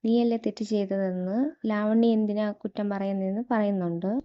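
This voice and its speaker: A woman reading the lines of a worried, scolding middle-aged mother in an even, flat voice. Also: mid-range voice, brisk, smooth, highs cut off, natural voice. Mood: reproachful.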